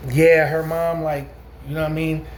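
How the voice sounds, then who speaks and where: This vlogger is a man in his forties whose voice runs on the high side, level in tone and moderate in pace, with slight background noise. He rambles through a long, casual story, restarting sentences frequently and asking "you know what I'm saying" to see if listeners are following.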